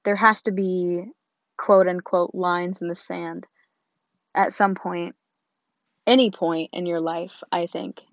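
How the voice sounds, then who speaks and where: A young woman talks in a hoarse voice that has gone low and husky from losing it. She sounds chatty and sincere, and she wanders a bit as she goes. The recording is dull and dry. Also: little pitch movement, takes it slowly, pauses often, no echo. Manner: chatty, earnest, rambling. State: hoarse, lost voice. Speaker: host. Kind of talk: casual talk to camera.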